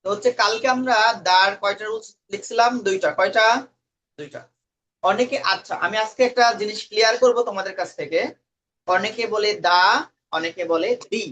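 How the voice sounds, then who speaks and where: A man's voice: high voice, a little fast, a bit bright, slight background noise. A man teaching an English lesson, quizzing his students and mixing English words into his talk. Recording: dull lo-fi recording.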